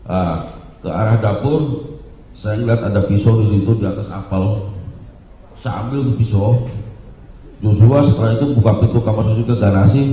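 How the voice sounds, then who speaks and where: A man giving witness testimony at a trial, recounting events haltingly with many fillers and restarts. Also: lowish voice, mellow. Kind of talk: courtroom testimony. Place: large courtroom. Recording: echoey courtroom broadcast, muffled, faint hiss.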